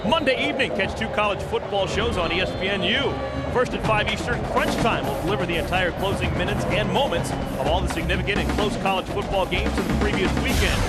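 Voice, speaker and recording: A man with a high voice does play-by-play for a football broadcast. His live commentary comes over loud background music and sound. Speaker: play-by-play sports announcer.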